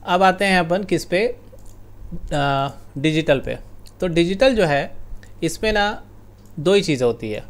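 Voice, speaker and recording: A man teaching a computer class online in Hindi mixed with English, explaining slowly and quizzing his students. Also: a little high, animated.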